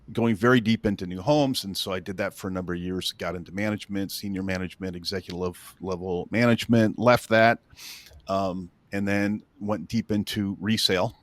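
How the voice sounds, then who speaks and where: Low-voiced man in his fifties, joking. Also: fairly bright tone, no room sound. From northern Illinois, USA. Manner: self-deprecating, laughs at his own stories. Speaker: guest, real estate coach. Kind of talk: casual interview storytelling.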